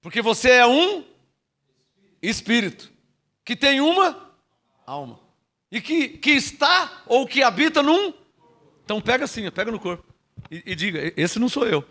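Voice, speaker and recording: Brazilian preacher guy, high voice, sermon, gets ppl to repeat after him. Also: moderate pace, pauses often. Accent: Brazilian Portuguese. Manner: teaching, asks the congregation to repeat phrases; lively, frequent rhetorical questions and laughs.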